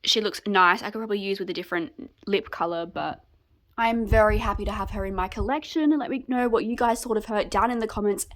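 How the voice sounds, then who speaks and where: A woman's voice: medium pitch, a little fast. A young woman chatting through a casual doll review, gushing and using many fillers.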